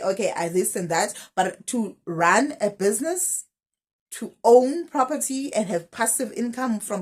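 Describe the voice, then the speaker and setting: In a relaxed vlog, a woman in her thirties, a teacher turned finance vlogger, hands out blunt money advice and keeps asking her audience one rhetorical question after another. She speaks in a husky, mid-range voice.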